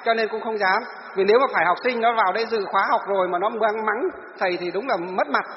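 High-voiced male teacher in an echoey hall. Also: fast talker, dull audio, slight background noise. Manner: asks students rhetorical questions and answers them. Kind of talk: classroom lecture to students.

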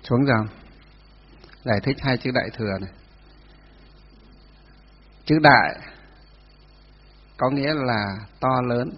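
Male Buddhist teacher, husky, dictates and repeats phrases for notes, quizzes students; muffled lo-fi take. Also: mid-range voice. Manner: dictates slowly, repeating each phrase for note-taking; asks students rhetorical questions. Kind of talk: dictated classroom lesson. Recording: dull lo-fi sound with long hall reverb.

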